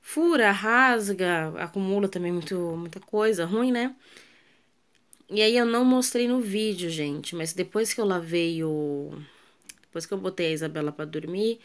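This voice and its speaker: A woman's voice: on the low side, clean tone. A woman with a Brazilian Portuguese accent, a home vlogger and mother, casually narrating her kitchen cleaning and chatting with viewers. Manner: chatty, asks viewers questions, trails off with fillers.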